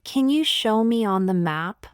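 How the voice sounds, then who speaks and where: A woman reading short everyday phrases one at a time for language learners, slow and deliberate. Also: mid-range voice, lively intonation, clean tone, dry recording, clean studio sound. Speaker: language teacher.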